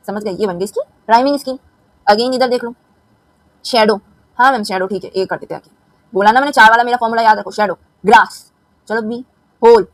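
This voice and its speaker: A woman's voice: fairly high pitch, no room sound, low-quality recording. An Indian woman teacher with a Hindi-speaking accent, explaining a lesson in a chatty way and often checking that her students follow.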